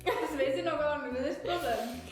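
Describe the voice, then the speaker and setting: A young woman with a high voice and a Swiss German accent talks casually as an amateur video host. She is playful and self-deprecating, in a very reverberant room with prominent music behind. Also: brisk. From Switzerland. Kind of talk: casual chat to camera with a friend.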